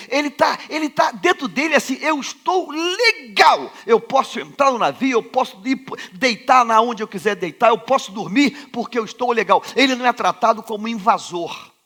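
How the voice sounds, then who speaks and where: A sermon comes from a Brazilian pastor with a Rio de Janeiro accent, speaking in a high-pitched male voice within a large church sanctuary. He alternates quiet and loud moments while using rhetorical questions and repeated refrains.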